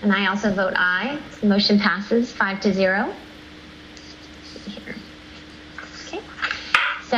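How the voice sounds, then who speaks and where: Brisk woman chairing on a dull line. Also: mid-range voice, a bit bright, a little hiss or hum. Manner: brisk, procedural. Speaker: board president. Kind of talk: chairing a board meeting.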